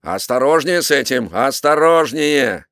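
A man voicing a gruff, stern ship captain who gives curt orders. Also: mid-range voice, normal speed, no room sound, clean studio sound, lightly acted. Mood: barking. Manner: curt, commanding.

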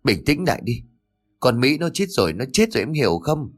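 A man voicing a stern middle-aged man with a dark secret, scolding and curt, in a spoken ghost story. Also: mid-range voice, very animated, quick pace, soft background music.

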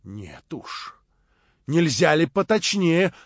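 A man's voice: fairly high pitch, very animated, takes it slowly, no echo, highs cut off, exaggerated voice. A man reading an audiobook, voicing an insistent young schemer who presses others with raised questions. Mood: pressing.

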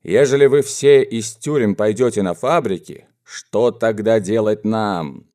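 Guy doing a gruff bandit boss, low and dark, slow threatening speech. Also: natural voice. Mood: haranguing. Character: menacing mustached male bandit gang boss.

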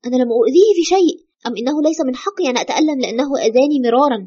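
A woman's voice: high-pitched, expressive, racing, warm tone, breathy edge, muffled recording. A woman playing a terrified haunted widow. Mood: tense. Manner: fearful, urgent, breathless retelling. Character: frightened widow haunted by her husband's ghost. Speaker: storyteller consulting a doctor. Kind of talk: audio horror drama.

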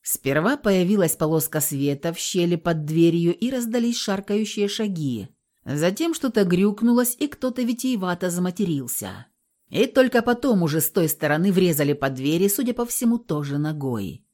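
Woman, audiobook narrator, low voice, animated, expressive storytelling. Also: moderate pace.

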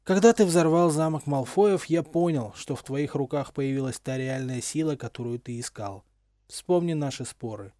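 A man's voice: a little high, normal speed, mellow, dry recording, studio quality, natural voice. A man voicing an agitated, insistent young man who is jealous and anxious, read for an audiobook. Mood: tense.

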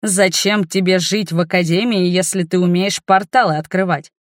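A woman voicing a stern, easily flustered middle-aged man who heads a magic academy, talking slowly and in measured phrases. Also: lowish voice, steady tone, dry recording, studio quality, lightly acted.

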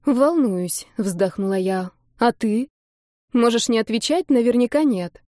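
Brief: female audiobook narrator, warm mellow tone, dry close sound, expressive. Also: fairly high pitch, moderate pace, dry recording. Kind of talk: first-person audiobook narration.

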